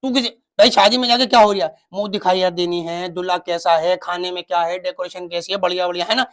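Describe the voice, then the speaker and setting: A man's voice: high voice, quick pace. A man playing a chatty, sassy woman who gossips and mocks in a comic sketch. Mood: gossipy. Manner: animated, teasing, mocking storytelling. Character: chatty gossiping adult woman, sassy older sister type.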